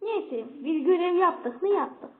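A woman giving casual, excitable commentary while playing a game and talking back to opponents on screen. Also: very high-pitched, slow pace. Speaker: gameplay streamer. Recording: tinny phone-like audio.

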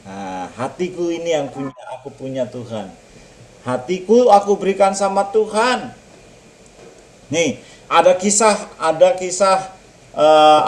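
A man teaching a children's church lesson, telling stories in an animated way and asking the kids questions. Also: fairly high pitch. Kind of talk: children's Bible lesson storytelling.

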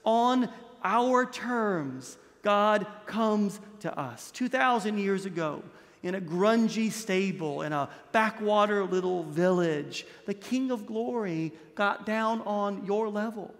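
High-voiced man preaching in a reverberant church. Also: takes it slowly. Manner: impassioned preaching, drops low and soft on key words; gestures broadly while standing at a lectern. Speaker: priest. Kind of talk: Christmas Eve homily. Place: large stone church, indoors.

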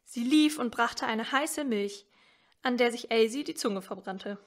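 Lady reading a story out loud, slow and careful, kinda high voice. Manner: measured, expressive reading. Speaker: story reader at a church advent event.

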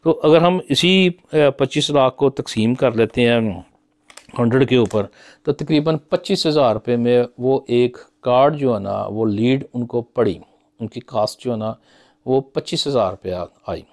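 A man's voice: mid-range voice, unhurried. Man, middle-aged, from Pakistan, casual talk to camera, conversational, lots of fillers, small office, phone camera. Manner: conversational, musing, with many fillers and hand gestures. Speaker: business commentator. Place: small office with framed certificates on the wall.

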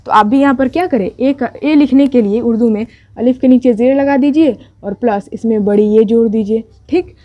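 A woman's voice: a little high, mellow, lo-fi sound. A young woman, teaching an online language lesson, patiently repeating each step and asking rhetorical questions. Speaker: Urdu teacher.

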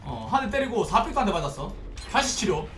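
A young man streaming a horror game, commenting excitedly, swearing often and pleading loudly with his teammates. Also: sits high, brisk, faint music behind. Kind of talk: live gameplay commentary. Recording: roomy, distant mic, faint background noise.

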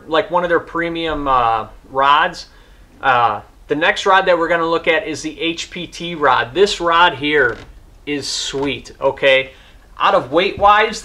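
A man's voice: fairly high pitch, sharp tone. A man in his thirties, hosting a casual fishing gear review from his garage, talking with hands-on enthusiasm. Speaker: fishing channel host. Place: garage with boat and rods.

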